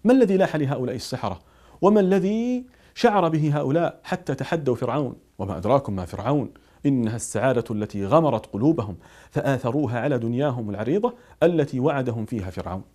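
A male preacher delivers a sermon at a quick clip. His voice is dark and mellow, and he presses his points with emphatic rhetorical questions. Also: medium pitch, expressive.

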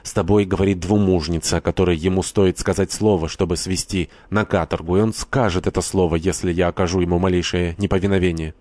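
A desperate young woman spills out her anguish in bitter, vengeful outbursts, voiced by a man reading a storybook. The voice sits very low and sounds close and dry, with no room around it. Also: steady tone, fast, few pauses, a little mellow, dry recording, close to an everyday voice.

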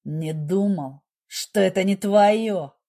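A woman voicing a smug, menacing middle-aged businessman who speaks with low, slow, mock-gentle condescension. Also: expressive. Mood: harsh. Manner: condescending, turns harsh.

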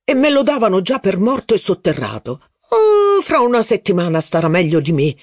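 A man's voice: high-pitched, wildly swooping pitch, no echo, studio quality, voice pushed up, exaggerated voice. A man reading the lines of a blustering, self-centered aristocratic duke in an audiobook. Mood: relieved. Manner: blustering, quick to temper.

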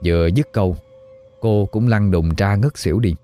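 A man's voice: fairly low pitch, moderate pace, mellow, faint music behind. A man narrating a ghost story in a dramatic, suspenseful way.

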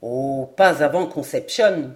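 A woman voicing a composed male Scottish lord with a dry sense of humor, speaking calmly and deliberately. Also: low-pitched, pitched below the performer's own voice. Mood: teasing. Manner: calm, deliberate, teasingly serious.

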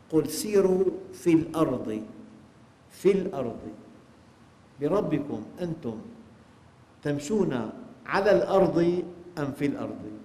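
A man's voice: on the high side, dark tone. Emphatic preaching man in echoing hall. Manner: emphatic preaching, rhetorical questions to listeners. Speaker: sheikh giving Quran exegesis. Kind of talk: religious lecture. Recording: long hall reverb.

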